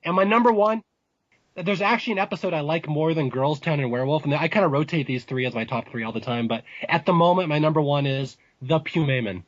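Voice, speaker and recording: A man's voice: on the high side, fast talker, no room sound. Casual podcast man with a muffled sound. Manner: enthusiastic, lots of fillers and laughter. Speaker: podcast host.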